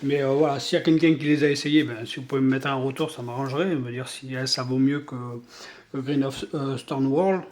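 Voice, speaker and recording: A man's voice: medium pitch, steady tone, fairly quick, darkish tone. A man with a southern French accent chatting casually about model paints while he builds a scale model, rambling with many fillers and restarts. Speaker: scale-model hobby vlogger.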